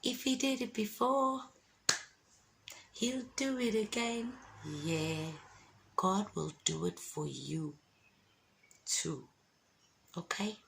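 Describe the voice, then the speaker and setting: Woman, 50s, slow and deliberate, gravelly, emphatic encouraging testimony vlog. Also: medium pitch, a little hiss or hum. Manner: emphatic and encouraging, preachy asides. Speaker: vlogger giving a testimony. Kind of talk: casual faith testimony.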